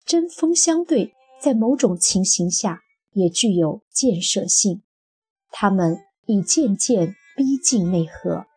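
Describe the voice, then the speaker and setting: A woman narrating an audiobook in a brisk, expressive reading voice, with a breathy tone. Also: medium pitch. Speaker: storyteller.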